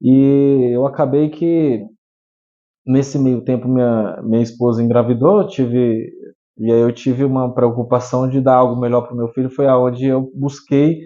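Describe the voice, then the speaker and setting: A man in his thirties from Piauí in Brazil, telling his life story as a guest in an interview. He speaks haltingly, restarting his sentences and filling the gaps. His voice is warm and mellow, and the recording is a little muffled. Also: medium pitch, little pitch movement. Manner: hesitant, many restarts and fillers. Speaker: guest, entrepreneur.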